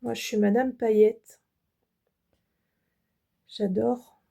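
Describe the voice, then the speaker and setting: Slow, dark-voiced French woman vlogger. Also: fairly high pitch, little pitch movement, vocal fry. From France. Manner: slow, hesitant, many fillers and restarts. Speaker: embroidery channel host. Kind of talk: casual product show-and-tell.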